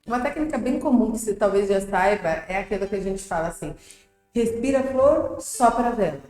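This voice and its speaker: A woman's voice: medium pitch, animated, fast talker, darkish tone, faint music behind. A Brazilian woman giving casual, direct parenting advice to her viewers, speaking in a chatty way. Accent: Brazilian Portuguese. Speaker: parenting educator. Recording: very echoey room with long reverb.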